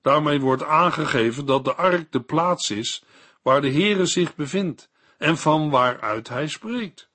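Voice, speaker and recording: Slow, husky Dutch-speaking Bible teacher. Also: male voice, a little high, animated, a bit bright. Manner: slow, measured and didactic. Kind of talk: scripted Bible commentary.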